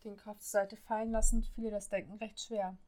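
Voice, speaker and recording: A woman narrating a story as an audiobook reader, reading with an even, steady delivery. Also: mid-range voice, brisk.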